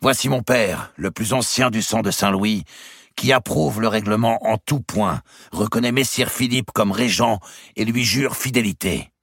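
Guy doing a earnest loyal lame lord, formal, husky voice. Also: on the low side, normal speed, a bit bright, no room sound, studio quality, pitched above the performer's own voice. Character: loyal limping male lord, earnest and protective.

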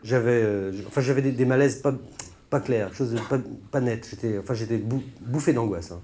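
A man's voice: medium pitch, fairly quick, dark tone, slight background noise. A man performing a stand-up monologue on stage, rambling through sardonic, mock-indignant asides. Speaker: stand-up comedian. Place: stage before a laughing audience.

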